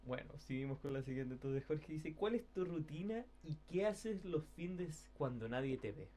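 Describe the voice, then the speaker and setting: A man's voice: a little high, expressive, normal speed, dark tone, a little hiss or hum. Man, interview host, easygoing reader of questions. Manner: reads out viewer questions, brief agreeing replies. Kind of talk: casual interview chat.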